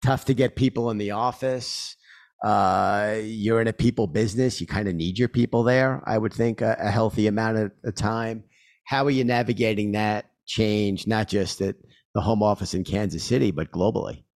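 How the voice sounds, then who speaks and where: A man's voice: on the low side, moderate pace, a little mellow. A man from New York with a Queens accent, hosting a conversational interview. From New York City. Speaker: interviewer, podcast host.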